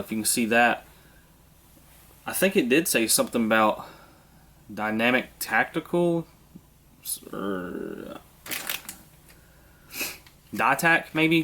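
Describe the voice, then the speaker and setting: A man hosting a hands-on airsoft how-to, congested from a sinus infection, talking through each step in a relaxed, casual way. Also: mid-range voice. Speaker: airsoft video host.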